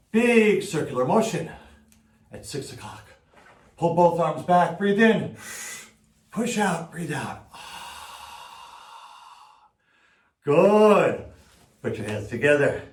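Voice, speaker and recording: A man's voice: medium pitch, reverberant, distant mic. A man teaching a music class and coaxing pupils to repeat words after him. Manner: upbeat, coaxing call-and-response. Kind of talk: follow-along class lesson.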